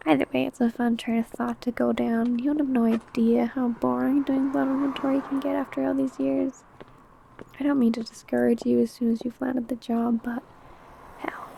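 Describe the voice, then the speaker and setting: In an ASMR roleplay, a woman plays a secretive, sly, possessive vampire who is an older senior coworker, her fairly high voice soft and mellow with a creaky edge. She speaks close, hushed and chatty, wry and coy, drifting into whispers as if gossiping only with you. The recording is rough with slight background noise.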